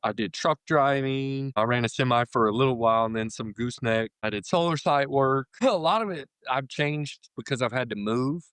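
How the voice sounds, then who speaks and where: A man's voice: medium pitch, moderate pace, hardly any pauses, fairly bright tone, smooth, no room sound. A man in his thirties from Florida with an American accent, chatting casually and in a rambling way as an interview guest. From Florida, United States. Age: 30s. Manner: rambling, informal, conversational. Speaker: interview guest, union carpenter.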